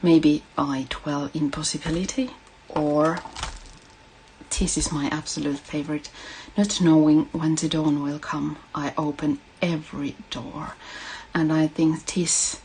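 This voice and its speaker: A middle-aged woman with a Finnish accent hosting a casual craft tutorial, speaking in a gentle, halting way. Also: low voice, steady tone, a little hiss or hum, low-quality recording. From Finland. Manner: gentle, hesitant, halting delivery with affectionate address to viewers. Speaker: craft livestream host.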